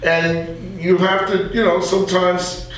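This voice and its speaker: Speaking slowly in a high, level voice, a man in his 60s or older shares his political opinions casually, peppering them with anecdotes. Crowd noise is present, and he sounds distant from the mic in an echoey room.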